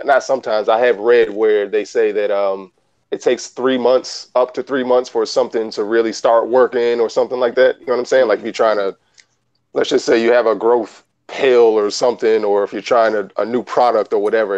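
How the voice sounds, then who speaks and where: A man's voice: medium pitch, darkish tone, lo-fi sound. A man in casual live stream chat, reading viewer questions, easygoing and hesitant.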